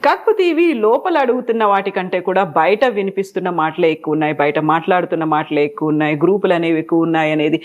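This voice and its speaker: A woman's voice: on the low side, lively intonation, very fast, hardly any pauses, muffled recording. A woman interviewer, pressing a politician with probing follow-up questions.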